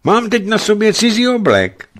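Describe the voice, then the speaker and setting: A man voicing a self-pitying boyar who has been beaten, pleading in a high, tearful voice. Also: very animated, creaky, full character voice. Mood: wailing.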